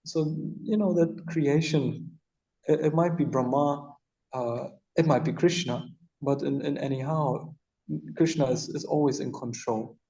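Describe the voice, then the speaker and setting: A man giving an extempore religious discourse as a spiritual teacher, haltingly repeating words, over a muffled online call. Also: medium pitch, dark tone.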